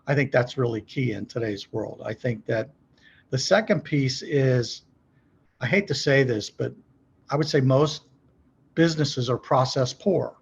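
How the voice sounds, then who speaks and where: The same middle-aged executive and podcast guest talks through business practice conversationally and folksily, regularly asking questions and checking in with listeners. He speaks at a measured pace in a creaky, husky, medium-pitched voice, captured in a muffled recording.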